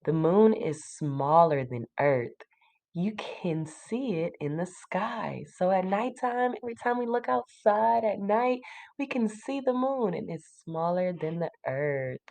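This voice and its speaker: Her voice fairly low, animated, and a little mellow, a woman teacher reads aloud from a children's book to the class. Along the way she stops to explain simply and ask the kids questions.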